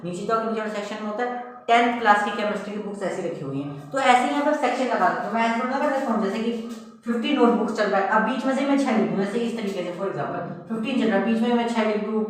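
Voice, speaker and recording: Recorded from a distance in a very echoey room, a high-voiced man talks quickly through a whiteboard maths lesson step by step. He keeps asking his students questions and answering them himself, often saying "okay" and "simple thing."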